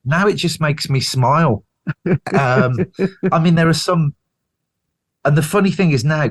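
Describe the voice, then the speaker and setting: A middle-aged British man, a band singer as guest, telling road stories in a casual interview, swearing freely and acting out what people said. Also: low voice. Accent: British English. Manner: animated storyteller, swears freely, acts out quotes.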